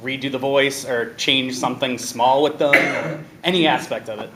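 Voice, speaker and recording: A man's voice: medium pitch, steady tone, moderate pace, bright, forceful tone. A man from the press asking a brief, direct question at an event. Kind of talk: audience question. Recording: echoey room with faint noise.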